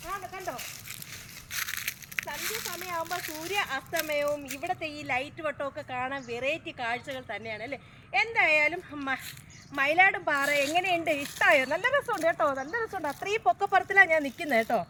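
High-pitched southern Kerala woman vlogging outdoors. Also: fairly quick, bright, forceful tone. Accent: southern Kerala Malayalam. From Kerala, India. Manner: chatty, repeats phrases, frequent tag questions to viewers. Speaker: travel vlogger. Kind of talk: casual walking vlog commentary. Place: outdoors, walking through a village and rocky hill. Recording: outdoor recording with background noise.

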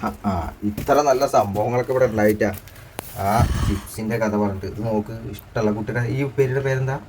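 A man's voice: fairly low pitch, fairly even intonation, fairly quick, recorded from a distance, noisy background. A middle-aged man playing the joking father in a family comedy skit, scolding and teasing and repeating himself.

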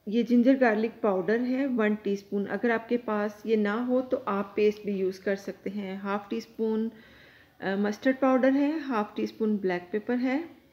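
A woman hosting her own cooking channel, calmly explaining each step of a recipe to viewers from her home kitchen. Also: a little high, muffled recording. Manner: calm, instructive, addresses viewers directly.

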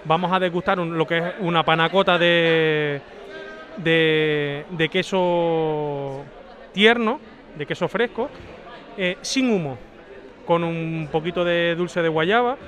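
A man, a head chef answering interview questions through a face mask, halting with frequent restarts. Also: a little high, a bit bright, highs cut off. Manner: halting, many restarts and fillers. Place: outdoor town square at a night festival.

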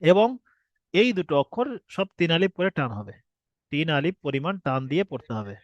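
A man's voice: fairly high pitch, sing-song, a little fast, no echo, dull audio. Man patiently teaching alphabet pronunciation. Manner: patient, repetitive explaining with rhetorical questions. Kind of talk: online recorded class lesson.

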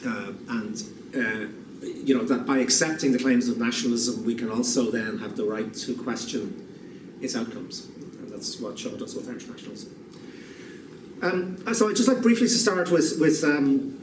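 An older man speaking at a lectern in a lecture room, recorded from a distance. The room is echoey, with a steady background hum. He talks thoughtfully and often restarts and repeats words mid-sentence. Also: mid-range voice. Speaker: keynote speaker. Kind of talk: public lecture. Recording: echoey room, far from the mic, room noise.

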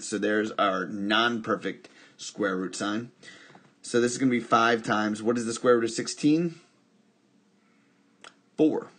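A man teaching a recorded math lesson, talking through each step by asking and answering his own questions, with wry asides along the way. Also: fairly low pitch.

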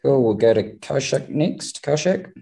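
A man's voice: mid-range voice, animated, unhurried, gravelly, warm tone, low-quality recording. A man running a press conference, asking questions hesitantly with many fillers. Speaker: media manager hosting a press conference.

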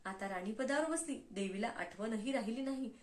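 Woman voicing old beggar woman, goddess in disguise, bitter and scolding, slow, high-ish voice, roomy echo. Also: expressive, lightly acted. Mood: indignant.

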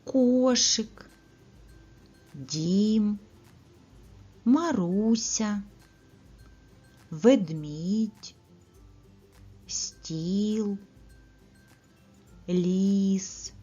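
A woman teacher giving a speech lesson to small children, saying each word slowly and carefully and pausing for their answers. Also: mid-range voice, big pitch swings, a little mellow, breathy edge, muffled recording, soft background music. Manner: slow, carefully articulated, pauses for children's answers. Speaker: preschool teacher.

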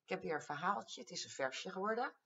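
A woman's voice: on the low side, a little fast. Older woman reading a verse story. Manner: affectionate, expressive. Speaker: grandmother reading to grandchildren. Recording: distant, dull lo-fi home recording.

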